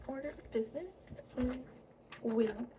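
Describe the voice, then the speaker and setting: Breathy, high-pitched woman in soft-spoken fairy role-play. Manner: hesitant, informal, many trailing pauses. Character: friendly, apologetic young fairy guiding a newly hatched fairy. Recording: clearly audible background noise.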